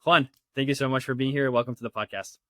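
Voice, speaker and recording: A male interview host from Latin America with an average-pitched voice. He talks quickly and casually, putting questions to his guest. The recording is close and dry. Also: fairly even intonation, bright, forceful tone, no echo. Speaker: podcast host.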